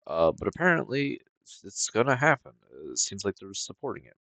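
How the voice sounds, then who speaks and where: A man's voice: lowish voice, big pitch swings, brisk, pushed and bright, no echo. A man casually reviewing game cards, rambling with lots of fillers in a laid-back way. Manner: rambling, heavy on fillers and hedges; laid-back, sometimes yawning.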